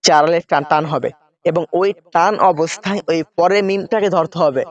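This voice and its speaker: A man's voice: on the high side, normal speed, highs cut off. A man teaching Quran reading step by step, spelling out letters and vowel marks and often checking in with his listeners.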